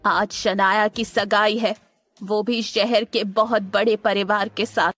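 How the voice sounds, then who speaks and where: A man's voice: sits high, flat delivery, takes it slowly, bright, forceful tone, dry recording, voice pushed up, exaggerated voice. A man voicing a domineering old grandmother who scolds her family with contempt in an audiobook story. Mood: angry scolding. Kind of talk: audiobook character voice.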